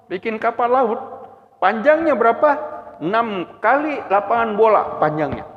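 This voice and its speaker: A man delivers a lively lecture on the Quran to a mosque congregation, his voice sitting high and full of rhetorical questions and chuckles. The lo-fi recording sounds muffled, and the hall's long reverb trails after each phrase. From Brunei. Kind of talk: humorous religious lecture. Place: mosque hall.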